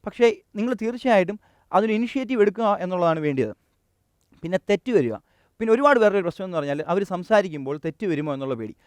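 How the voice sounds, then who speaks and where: A young man from Kerala delivers a motivational stage talk on learning English, his high voice clear and resonant. He speaks at a rapid, urgent clip, pushing the audience forward while often breaking off and correcting himself. The sound is close and dry, with almost no room echo. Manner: energetic, direct, urging the audience; frequent self-corrections and restarts.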